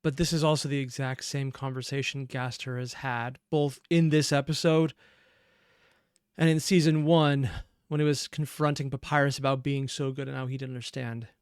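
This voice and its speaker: This man's voice sits at a medium pitch with little movement and a smooth texture, captured dry in a clean studio. Hosting a reaction video, he offers earnest, analytical, reflective commentary on a fan dub, placing deliberate emphasis on his points.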